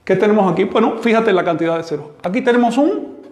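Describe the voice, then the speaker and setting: A man's voice: high-pitched, animated, fast talker, a little mellow. Man teaching math in an echoey room. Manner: explanatory, asks the class questions, slightly sarcastic asides. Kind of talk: live-streamed online class.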